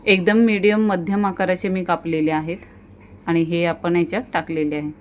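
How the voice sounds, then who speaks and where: A middle-aged woman narrates a casual home cooking demonstration as the channel's host, speaking at a normal speed with fairly low pitch and a flat delivery. Her voice-over is homely and chatty, addressing viewers directly with frequent "ना". There's slight background noise.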